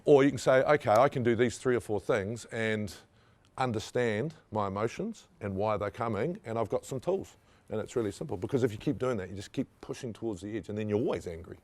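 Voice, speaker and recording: A man in his fifties with a New Zealand accent, talking in a lively webinar, acting out quotes and swearing casually. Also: on the low side, a little fast. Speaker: webinar speaker on mental health.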